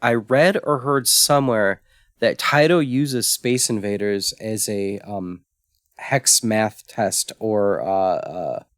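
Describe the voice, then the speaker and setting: On a casual retro gaming podcast, this co-host keeps things relaxed, though he stumbles over words at times. He speaks slowly in a lowish voice. The recording is dry and of studio quality.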